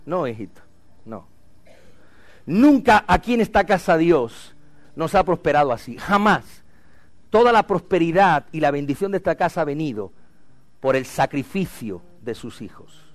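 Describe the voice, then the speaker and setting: A man preaching a sermon as pastor, swinging from loud cries to hushed lines. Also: a little high, sing-song, normal speed, pauses often, dry recording.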